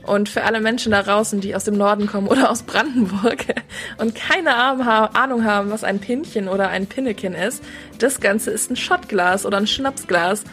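A woman's voice: mid-range voice, moderate pace, a bit bright, soft background music. A young woman student in a casual radio chat, telling stories in a chatty, amused way. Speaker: student co-presenter.

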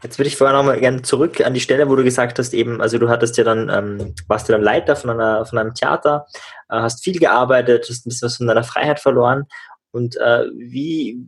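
Brief: male podcast host, slightly husky, hesitant, filler-heavy questions. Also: mid-range voice, fairly even intonation, fast. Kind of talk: casual interview.

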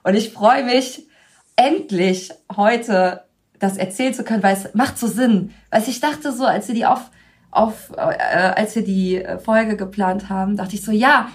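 A woman's voice: medium pitch, unhurried, husky. A woman hosting a podcast in casual chat, talking freely and laughing often as she tells stories. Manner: chatty, laughs often, lively storytelling. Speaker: podcast host.

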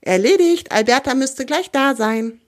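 A woman's voice: high-pitched, animated, measured pace, pitched above the performer's own voice. Woman doing Theo, a small eager creature. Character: small brave male volcano creature, cheerful.

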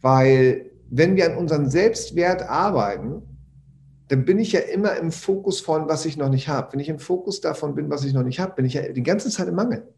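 Animated, slightly high-voiced German trainer. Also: male voice, normal speed, creaky, slight background noise. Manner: animated, repeats words, swears casually. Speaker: personal development trainer, guest. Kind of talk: casual podcast conversation.

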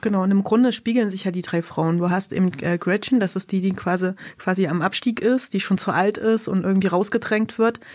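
A woman's voice: mid-range voice, brisk, few pauses, a little mellow, no echo. A woman reviewing a film in casual conversation, thinking aloud and often searching for words with many hesitations.

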